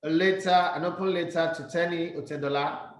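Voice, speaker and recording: A man, a young adult, hosting a radio sports show in a smooth radio host manner. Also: a little high, steady tone, a little fast. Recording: roomy echoey studio sound.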